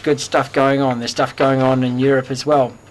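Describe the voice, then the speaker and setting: A man's voice: mid-range voice, flat delivery, moderate pace, a little hiss or hum. A man with a New Zealand accent hosting a casual community news bulletin, upbeat and chatty with fillers.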